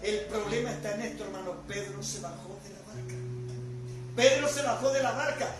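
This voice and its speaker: An older male pastor preaches with a strikingly high voice, rising to loud bursts and sinking to near-murmurs. He sounds distant from the mic in a heavily echoing church hall, with music playing underneath. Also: fairly quick. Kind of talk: sermon. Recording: echoey hall from far off with music.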